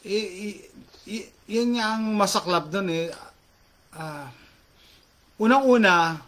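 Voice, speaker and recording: A man's voice: sits high, slow, fairly bright tone. Chatty man mixing English into Tagalog. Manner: talkative, mixes English into Tagalog, many fillers. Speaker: livestream host reading viewer comments. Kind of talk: casual chat to viewers.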